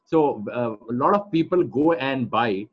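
A man's voice: medium pitch, expressive, measured pace. A man with an Indian accent explaining things as a coach in an interview, repeating phrases for emphasis. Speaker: trading coach being interviewed. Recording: dull, lo-fi audio.

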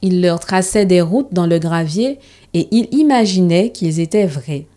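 Calm, mellow woman reading a children's story. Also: fairly low pitch. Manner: calm, measured storybook narration.

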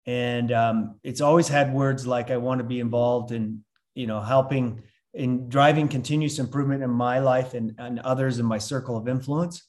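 A man's voice: mid-range voice, fairly even intonation, moderate pace, darkish tone. Reflective Canadian-born older man. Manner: reflective, with frequent fillers and restarts. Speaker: podcast guest, coach. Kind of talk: casual interview chat.

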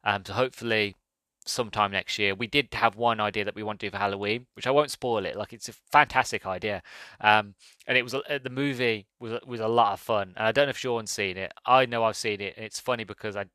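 Brief: male podcast host, lowish voice with a bright, pushing edge, rambling and chatty. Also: steady tone, quick pace, smooth, dry recording. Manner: rambling and upbeat, many ums and restarts. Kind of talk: solo podcast chat.

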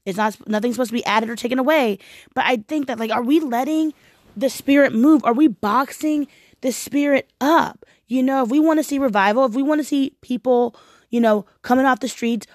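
A woman's voice: high-pitched, a little fast, no echo, clean studio sound. A woman talking casually and heartfeltly about faith and church, often saying "like" and "right?". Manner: heartfelt, animated, frequent "like" and "right?".

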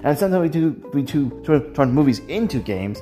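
Music runs under an animated, mid-range voice as a podcast host rambles through opinions on games and audio drama. The delivery stays casual and halting, frequently trailing off and self-correcting.

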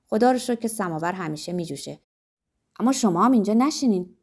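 A fussing old servant woman who sighs and dotes on the family, as a woman reads her in an audiobook. She talks tenderly, with a slightly raised, lifted pitch. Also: expressive, darkish tone, breathy edge. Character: sighing elderly female household servant, doting. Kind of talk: audiobook character reading.

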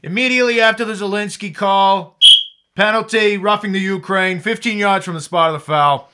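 A man's voice: sits high, normal speed, heavy background noise, lightly acted. A man playing a crusty football referee. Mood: officious. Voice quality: barking penalty calls.

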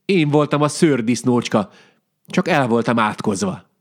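A man voicing a small enchanted hedgehog-pig suitor in a folk tale, brisk and bossy, raising his voice above his own. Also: mid-range voice, animated, natural voice. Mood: gentle.

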